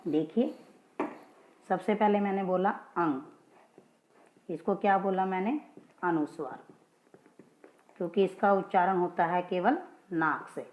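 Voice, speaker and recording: A woman gives a casual grammar lesson, patient and steady, often checking that her listeners follow. She asks a question and then answers it herself. The sound is dull and lo-fi, with a roomy echo. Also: on the low side, unhurried, pauses often. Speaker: Hindi grammar teacher. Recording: dull lo-fi, echoey room.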